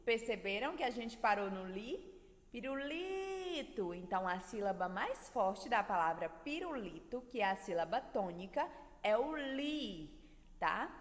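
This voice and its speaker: Lively Brazilian teacher in an echoey room. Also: female voice, medium pitch. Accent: Brazilian Portuguese. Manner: drawn-out syllables, sing-song stress on words. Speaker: primary school teacher. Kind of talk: recorded video lesson for children.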